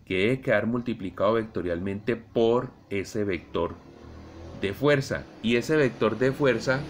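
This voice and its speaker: A middle-aged Colombian man teaching a physics lesson, explaining slowly and deliberately to his students. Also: on the low side, slight background noise. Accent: Colombian Spanish. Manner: slow, deliberate explaining, addresses students directly. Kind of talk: recorded classroom lesson.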